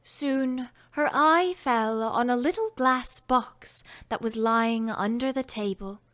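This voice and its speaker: Reading as an audiobook narrator, a high-voiced woman takes her time, her storytelling soft and expressive, occasionally sinking into whispers.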